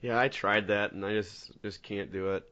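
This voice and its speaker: With a crowd audible behind him, a fairly low-pitched man in his twenties speaks at a moderate pace while co-hosting a casual podcast. He tells rambling, animated stories with laughs, and the recording sounds dull and lo-fi.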